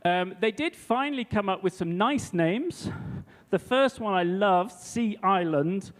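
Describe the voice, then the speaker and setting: A man's voice: sits high, expressive, unhurried. Chatty man speaking in a reverberant hall. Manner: chatty storyteller, checks in with the audience. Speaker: English language teacher presenting to teachers. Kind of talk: anecdotal conference talk. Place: hall before a live audience.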